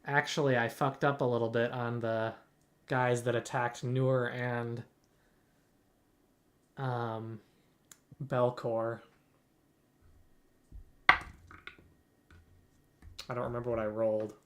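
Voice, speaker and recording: A man narrating a tabletop game as game master. He talks at a slow, unhurried pace, pausing and filling gaps with hesitant fillers. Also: medium pitch, flat delivery, sharp tone. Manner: slow, halting, many fillers.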